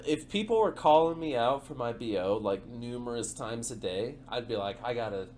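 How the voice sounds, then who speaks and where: A man's voice: mid-range voice, lively intonation, moderate pace, a little mellow, a little hiss or hum. Profane young man telling work stories. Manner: profane, laughing storyteller. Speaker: podcast co-host. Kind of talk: casual chat.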